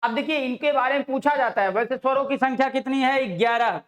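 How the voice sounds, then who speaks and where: A man's voice: very high-pitched, fairly quick, echoey room. A male Hindi grammar teacher giving an exam-prep lesson. He asks rhetorical questions, answers them himself and draws out example syllables.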